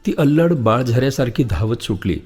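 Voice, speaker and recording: Rich: A man narrating a literary story as an audiobook reader, measured and reflective. His voice sits at an ordinary middle pitch for a man, and soft music plays faintly underneath. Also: lively intonation, husky.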